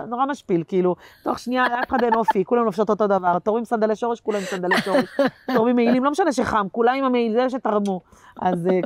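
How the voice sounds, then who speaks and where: Woman comic in an interview, lively storyteller, gets loud then drops way down, lots of slangy asides, dry close sound. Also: mid-range voice, no room sound. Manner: animated storytelling, swinging between loud bursts and quiet asides; frequent fillers and slangy asides. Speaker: comedian guest. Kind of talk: casual interview chat.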